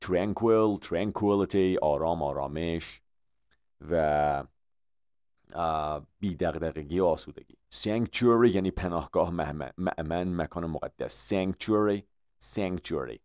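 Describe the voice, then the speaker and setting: A man with a Persian accent teaching English vocabulary in an online lesson. He explains in quick bursts, then slows down to model each English phrase. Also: deep voice, a little mellow, clean tone.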